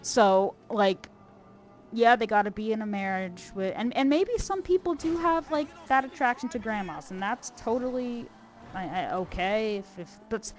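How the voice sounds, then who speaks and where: A woman streaming a video game, chatting casually in a rambling way, full of fillers and animated asides. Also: a little high, moderate pace. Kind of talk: casual gameplay chat.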